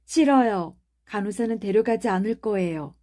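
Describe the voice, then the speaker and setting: In an audiobook, a woman narrator voices a bossy, sickly young boy who talks like a little prince, sounding imperious, commanding and demanding. Her mid-range voice is animated, dark in tone and pushed up, though close to an everyday voice, at normal speed.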